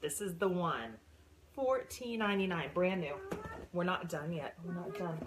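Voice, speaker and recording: Gushing excitable woman with a lively voice. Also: on the low side, normal speed, background noise. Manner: gushing, excitable, squeals and gasps. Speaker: book seller and former science teacher. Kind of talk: casual unboxing vlog.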